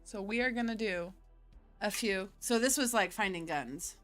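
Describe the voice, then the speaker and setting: A woman with a relaxed, giggly manner narrating a solo tabletop game. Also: mid-range voice, moderate pace, faint music behind.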